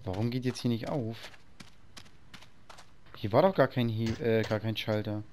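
A man's voice: lowish voice, moderate pace, a little mellow, slight background noise. A man casually commenting on a video game while he plays, thinking aloud and muttering to himself. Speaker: let's play host.

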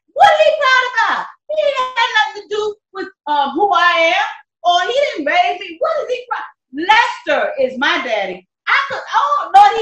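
A woman's voice: extremely high pitch, fairly bright tone, full character voice. A woman playing a bitter grown daughter about to marry, speaking in a scornful, emphatic way. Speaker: church skit actor. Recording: echoey, dull lo-fi sound.

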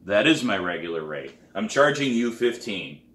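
A man's voice: fairly low pitch, sing-song, moderate pace, fairly bright tone, echoey room. A man voicing a stern, no-nonsense male drum teacher who talks bluntly and firmly. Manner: blunt, firm, demanding.

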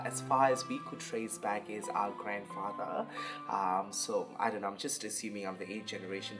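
A Malaysian student in his twenties, with a Malaysian accent and a lowish voice, speaks haltingly in a documentary interview, often searching for words. A music bed plays under his voice.

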